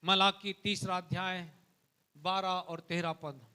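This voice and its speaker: Indian man, pastor, sermon, very high bright voice, slow and drawn out, hushed asides, loud repeated calls. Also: level tone, clean tone. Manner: swings between hushed asides and loud exhortations; calls out to the congregation, repeating phrases. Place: church hall.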